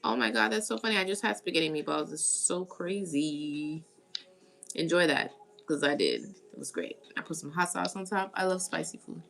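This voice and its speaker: Woman, lower voice with a gravelly edge, casual live-stream tarot host who chats with viewers. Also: very animated, normal speed, a bit bright. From United States. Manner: chatty, greets viewers and reads comments aloud. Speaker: tarot reader.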